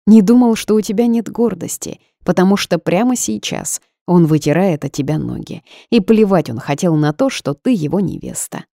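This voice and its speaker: A woman's voice: on the low side, lively intonation, moderate pace, vocal fry, few pauses, dark tone, no echo, studio quality. A woman voicing a blunt, outspoken young male bartender, speaking frankly and lecturing.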